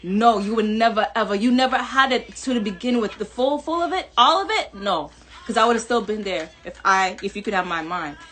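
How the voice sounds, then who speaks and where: Her medium-pitched voice is bright and forceful, running a little fast. In this candid video monologue, the Jamaican-American New Yorker makes emphatic points to viewers, repeating herself and breaking into laughter.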